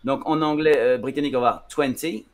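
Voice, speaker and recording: A man's voice: medium pitch, racing, smooth. A man teaching English pronunciation on a TV show, talking with many fillers and restarts. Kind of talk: classroom-style TV lesson.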